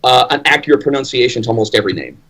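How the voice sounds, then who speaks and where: A man's voice: mid-range voice, lively intonation, very fast, fairly bright tone, husky. A man who works as a ring announcer, talking conversationally and emphatically as an opinionated interview guest.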